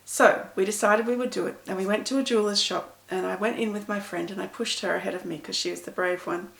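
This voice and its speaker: A woman's voice: medium pitch, fairly even intonation, quick pace, vocal fry, fairly bright tone, echoey room. A middle-aged woman, chatting to camera as an author answering reader questions in a self-deprecating, storytelling way. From Pakistan. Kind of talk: casual talk to camera.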